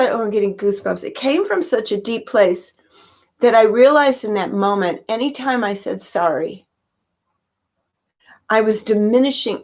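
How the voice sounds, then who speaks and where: An older woman giving a spoken reflection and then leading a guided meditation, gentle and reflective, with soft fillers. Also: medium pitch. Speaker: meditation teacher.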